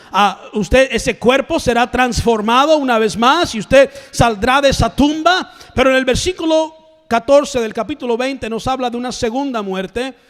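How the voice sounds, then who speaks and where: Impassioned high-voiced male preacher. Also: long reverb tail. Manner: impassioned, swinging from shouts to hushed low tones; repeats phrases for emphasis. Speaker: pastor. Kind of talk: sermon.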